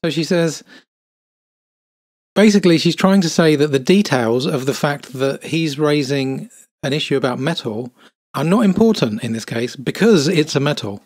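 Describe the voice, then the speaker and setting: A man's voice: a little high, animated, moderate pace, a little mellow, dry recording. Indignant man commenting on clips. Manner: incredulous, scornful, many fillers. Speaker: video commentator.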